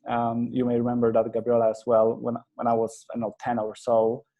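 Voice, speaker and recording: A man in his thirties with a Polish accent, from Poland and founder of an agency, recounts his career in a conversational interview, earnestly and hesitantly, with many restarts. His medium-pitched voice is dark and completely flat, fairly quick, and the recording is muffled.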